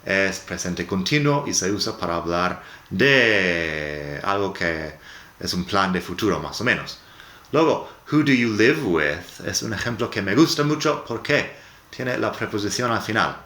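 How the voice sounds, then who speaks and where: A man who is a native English speaker, teaching English pronunciation in Spanish in a casual, upbeat video lesson from his sofa at home, slowing down to model the English words. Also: low voice, bright, forceful tone. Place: home living room, on a sofa. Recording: echoey room.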